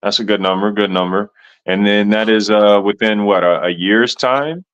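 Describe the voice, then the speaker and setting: A man hosting an interview, asking questions in a relaxed, laid-back way. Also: on the low side, moderate pace, smooth. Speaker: podcast host. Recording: dull lo-fi sound.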